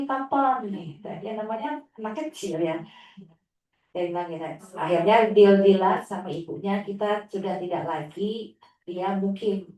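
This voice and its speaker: A woman's voice: lowish voice, mellow. A woman religious teacher sharing stories about her students, acting out a child's whiny replies. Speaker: Islamic teacher. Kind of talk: inspirational sharing talk. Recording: echoey room, distant mic.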